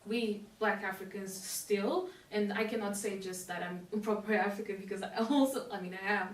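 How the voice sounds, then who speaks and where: A woman from Portugal with a mid-range, steady voice hosts a casual interview at a moderate pace, meandering through her thoughts with many fillers and asides. The audio has a roomy echo, a distant mic, and faint hiss.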